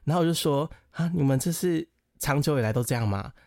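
A man with a somewhat high voice, co-hosting a casual podcast. He is chatty, reacts eagerly and laughs often. The recording is dry and close. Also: quick pace, darkish tone, no echo. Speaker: podcast co-host. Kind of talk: casual chat.

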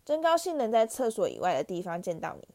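A woman's voice: fairly high pitch, very animated, fast talker, a little mellow. A woman voicing an anxious, clever schoolgirl who pleads nervously in a storybook reading. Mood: forced cheer.

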